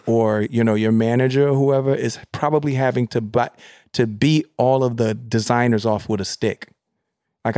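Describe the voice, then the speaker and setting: A man interviewing an actress, admiring and a little halting as he searches for words. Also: mid-range voice, a little mellow, dry recording, studio quality. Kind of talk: casual interview chat.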